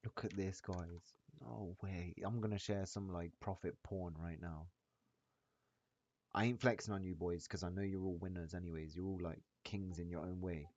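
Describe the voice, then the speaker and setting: Deep-voiced frat-bro guy in echoey audio. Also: steady tone, normal speed, darkish tone. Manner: frat-bro slangy hype talk, peppered with bro and boys. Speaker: day trader sharing screen with a group. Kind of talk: casual chat among trading friends. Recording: dull, roomy echoey voice-chat audio.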